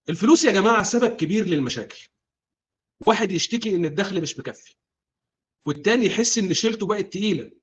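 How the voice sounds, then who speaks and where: A man's voice: a little high, lo-fi sound. Earnest Egyptian man preaching on marriage. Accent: Egyptian Arabic. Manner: earnest, addresses the audience directly. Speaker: religious advice presenter. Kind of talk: scripted preaching narration.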